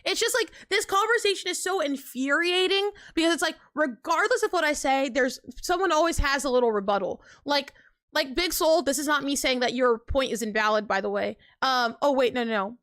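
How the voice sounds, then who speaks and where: Young american woman streaming, lil texan accent, high voice, worked up and ranting at chat, dry sound. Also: fairly quick, dry recording. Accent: slight Texan. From United States. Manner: indignant, animated rant to chat. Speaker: livestreamer. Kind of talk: casual livestream chat.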